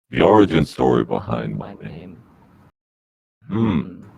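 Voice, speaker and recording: A man speaking through a disguised deep voice as a podcast guest, giving rambling, halting answers. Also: very animated, vocal fry, a little mellow, husky, no room sound. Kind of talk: comic podcast interview.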